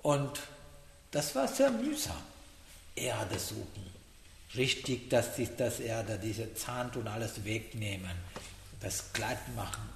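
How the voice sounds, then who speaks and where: A man gives a dharma talk on meditation in halting, unhurried German. He keeps checking in with his listeners with a questioning "ja?". His voice rings through a reverberant hall over faint background noise. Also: fairly low pitch, sing-song, gravelly. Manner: halting non-native German, frequent "ja?" checks. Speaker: meditation teacher.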